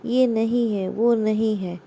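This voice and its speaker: A woman voicing a nagging, sharp-tongued elderly mother-in-law who scolds and complains. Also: on the high side, steady tone, takes it slowly, vocal fry, full character voice. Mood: scolding.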